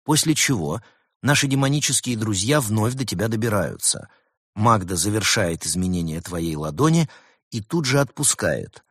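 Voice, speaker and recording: A man voicing a shrewd talking male fox who explains things with lively insistence in an audiobook. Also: lowish voice, normal speed, breathy edge, no room sound, clean studio sound. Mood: insistent. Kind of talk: audiobook character voice.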